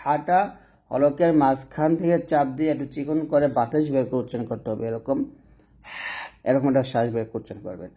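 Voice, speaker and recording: A man teaching an online Quran reading lesson, drawling each letter sound slowly and then explaining quickly. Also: medium pitch, warm tone, husky.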